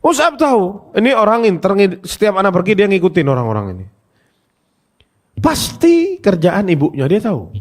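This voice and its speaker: Preacher guy telling stories, voice jumps way up n down, kinda high. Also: very animated, moderate pace. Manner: storytelling with acted quotes, pitch swinging high and low. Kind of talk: sermon answering questions.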